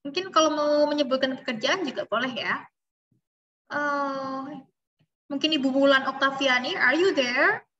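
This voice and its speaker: A woman's voice: high-pitched, moderate pace, pushed and bright. A woman leading an online English class, calling on students one by one and encouraging them. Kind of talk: online class moderation, mixing English and Indonesian. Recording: dull lo-fi online call.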